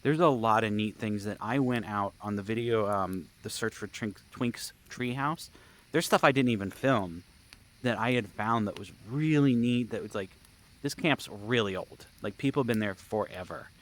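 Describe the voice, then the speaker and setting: A man who vlogs and runs camp events talks at a normal speed in a lowish voice. His storytelling wanders casually, laced with humor at his own expense.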